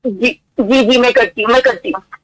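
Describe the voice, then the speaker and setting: A woman's voice: fairly high pitch, no room sound. A woman caller on a bad, breaking-up phone connection, talking in a distressed, pleading way. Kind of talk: call-in phone conversation.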